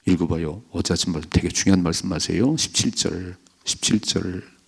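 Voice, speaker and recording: Male pastor, morning sermon, chatty preaching, low husky voice. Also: fairly even intonation, fairly quick. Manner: conversational preaching, acts out quoted voices. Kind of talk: early morning prayer sermon.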